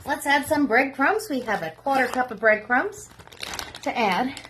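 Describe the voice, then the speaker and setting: A woman reads a storybook to children in a bright, high voice that leaps up and down with expression. Between story passages she gives easy cooking steps in the same animated way, with a faint hiss under the recording. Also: a little slow. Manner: lively, sing-song reading to children. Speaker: children's librarian. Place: home kitchen, remote video.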